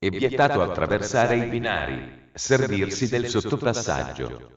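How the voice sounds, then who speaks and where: Man, flat formal station announcement, segmented phrasing, distant, muffled public address sound. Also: fairly low pitch, unhurried, very noisy. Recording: echoey dull station loudspeaker from afar.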